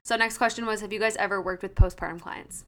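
A woman's voice: mid-range voice, steady tone, fast. A woman in her late twenties co-hosting a casual podcast as a trainer, chatty and full of "like". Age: 20s. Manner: chatty, fills talk with "like". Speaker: podcast co-host and personal trainer.

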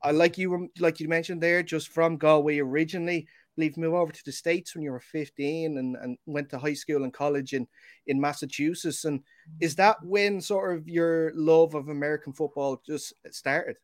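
A man's voice: a little high, steady tone, moderate pace, no room sound, clean studio sound. A man hosting a casual podcast, chatting hesitantly and repeating words as he feels his way into a question. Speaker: podcast host.

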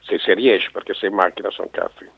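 A man calling into a radio show over a phone line, talking football tactics in a casual, halting way with many fillers. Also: deep voice, steady tone, gravelly, breathy edge, dry recording. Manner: thinks aloud with many fillers and restarts. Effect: heard over a phone line. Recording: tinny phone line, dry.

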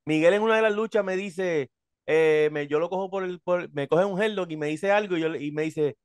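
A man, a professional wrestler, telling animated stories in casual chat and acting out voices. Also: high-pitched, a little fast, clear, resonant tone, no room sound, clean studio sound. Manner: animated storyteller, acts out voices, says brother.

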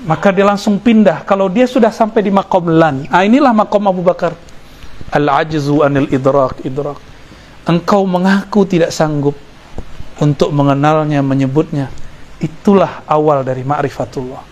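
Man giving a relaxed sufi lecture. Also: on the high side, normal speed, a little hiss or hum. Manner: relaxed, joking aside with listeners. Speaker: religious teacher. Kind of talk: sufi study-circle lecture.

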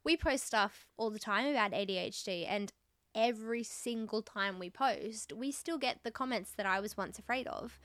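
A woman's voice: fairly high pitch, normal speed, a bit bright, dry recording. A young woman hosting a podcast, talking candidly and casually with lots of fillers. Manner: candid and chatty, with frequent fillers. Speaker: podcast host.

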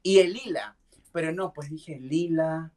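A man, a drag performer, telling his own story in a casual interview with a lively, playful delivery. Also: a little high, brisk. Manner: lively and playful, acts out quoted voices, laughs often. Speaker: drag queen guest.

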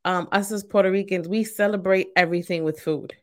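This Brooklyn, New York woman hosts a podcast and chats casually in an interview, leaning heavily on "like" and "you know." Her voice is medium-pitched with fairly even intonation, and she talks briskly and conversationally.

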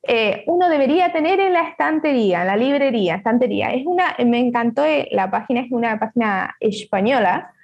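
A woman's voice: fairly high pitch, lively intonation, fairly quick, vocal fry, few pauses, darkish tone, slightly rough, muffled recording. A woman with a Rioplatense Argentine accent hosts an online book club in a chatty, playful way, full of asides and restarts, over a video call.

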